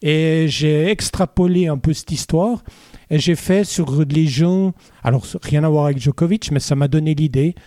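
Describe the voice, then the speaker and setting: Male guest, warm relaxed tone, dry close sound, easygoing musician interview. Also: fairly high pitch, normal speed, dry recording. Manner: relaxed, rambling with fillers and asides. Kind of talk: casual interview talk.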